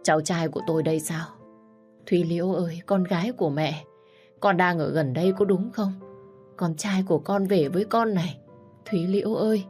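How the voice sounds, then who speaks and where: A woman's voice: brisk, soft background music, natural voice. A woman voicing an emotional old grandmother who exclaims with joy and tears in a storybook reading. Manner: exclaiming, higher and louder.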